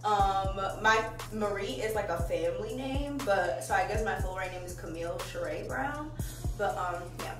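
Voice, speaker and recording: Filming a vlog at home on her phone camera, a young Maryland woman curls her hair and talks openly, laughing a lot and swearing offhandedly. Her medium-pitched, expressive voice moves at a moderate pace and sounds far off, with the phone held away in a roomy room and music playing.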